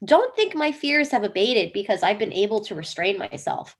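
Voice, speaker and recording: A woman's voice: medium pitch, very animated, moderate pace, gravelly, husky, full character voice. A woman reading the role of an earnest wife devoted to dream analysis, with an emphatic, theatrical delivery in a comic play reading. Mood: pleading.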